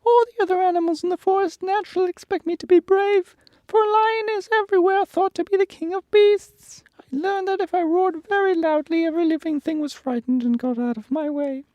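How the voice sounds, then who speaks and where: Storybook lion, male, timid and sorrowful; extremely high, soft-toned, closely dry. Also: fairly even intonation, brisk, no room sound. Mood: anxious confession. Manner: mournful, confessional storybook delivery.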